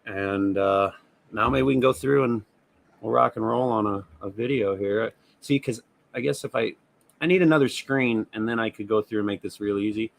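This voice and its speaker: Over a remote stream setup, a podcast host with a lowish, gravelly voice speaks at a moderate pace. He's loose and casual on the livestream, cursing freely as he thinks out loud.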